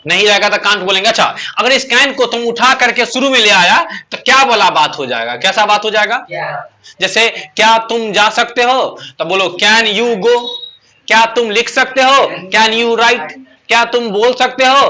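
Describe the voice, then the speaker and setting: A male teacher leads a classroom lesson. His voice sits high and sounds sharply bright. He drills the class, firing questions and answering them himself. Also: normal speed. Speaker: English teacher.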